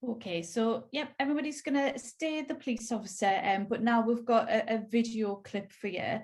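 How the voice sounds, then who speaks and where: A woman's voice: fairly high pitch, moderate pace, darkish tone. A woman co-presenting a training session in an informal, chatty way.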